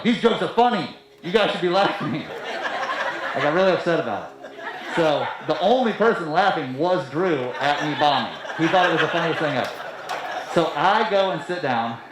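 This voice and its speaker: A man giving an informal, rambling best man speech at a wedding reception, telling anecdotes in a conversational way. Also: a little high. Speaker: wedding toast speaker from the groom's family. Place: large reverberant room at a wedding reception. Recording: very echoey hall, faint noise.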